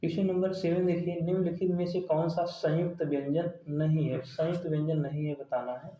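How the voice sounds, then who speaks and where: A man's voice: fairly high pitch, little pitch movement, brisk, mellow. A man, teaching grammar for an exam-prep lesson, asking questions and then answering them step by step. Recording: dull, roomy sound.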